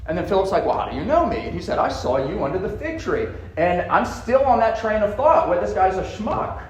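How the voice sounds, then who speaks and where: A man preaching a sermon as pastor, telling the story with animated asides and acted-out quotes. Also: sits high, brisk, echoey room, a little hiss or hum, rough recording. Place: church sanctuary.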